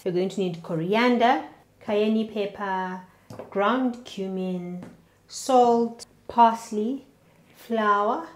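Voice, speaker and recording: Woman, 30s, cooking host; slow, steady instructional delivery, roomy kitchen sound. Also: mid-range voice. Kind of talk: cooking demonstration to camera. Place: home kitchen, indoors.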